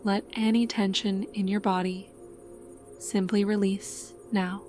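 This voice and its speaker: A woman reads a scripted sleep meditation in a calm, soothing way. She speaks very slowly and without hurry, her pitch staying flat at a medium height, while music is clearly audible behind her.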